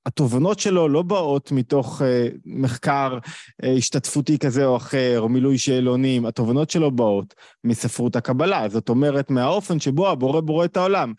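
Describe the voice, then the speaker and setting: Brief: male guest lecturer, mid-pitched voice, dry close sound, steady explanatory delivery full of rhetorical questions. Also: no echo. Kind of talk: live online talk.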